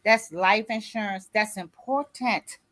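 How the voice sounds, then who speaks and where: A woman in her sixties, a grief coach and author, gives a motivational talk in a medium-pitched, slightly slow and somewhat bright voice. Her tone is preachy, and she keeps checking in with the audience by repeating "you see what I'm saying."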